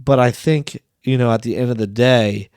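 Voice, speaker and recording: A man's voice: medium pitch, steady tone, normal speed, a little mellow, clear, resonant tone, dry recording, studio quality. A man co-hosting a casual business podcast, talking in a rambling way with many restarts and fillers. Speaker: podcast co-host.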